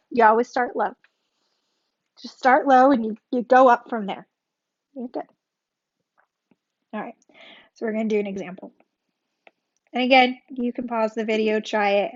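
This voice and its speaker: A woman with a fairly high voice talks through a calculus lesson in a relaxed, chatty way. She catches and fixes her own slips and recites a little memory rhyme. The audio is dull and lo-fi. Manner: chatty, self-correcting, sings a memory rhyme. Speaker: math teacher. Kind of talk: recorded calculus tutorial.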